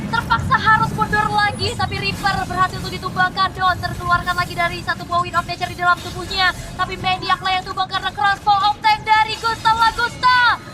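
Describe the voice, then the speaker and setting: A woman calling live esports action like a fighting game announcer, with rising, excited calls. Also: extremely high pitch, brisk, hardly any pauses, a crowd in the background. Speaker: esports match commentator. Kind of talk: live play-by-play game commentary. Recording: noisy crowded event, voice slightly distant.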